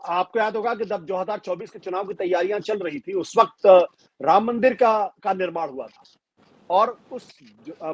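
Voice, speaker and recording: A man with a husky, fairly high voice, analyzing politics in an interview. He talks in a measured way, leaning hard on key points and pausing on fillers. The sound is dry and close. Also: a little mellow, no echo. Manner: measured, emphatic, frequent fillers and restarts. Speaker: political commentator.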